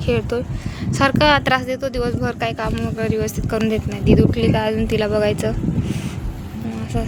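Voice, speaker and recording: A woman's voice: fairly high pitch, heavy background noise. A young woman, a mother from Maharashtra, chatting casually to viewers in a family home vlog, often cooing to her baby. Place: home, indoors.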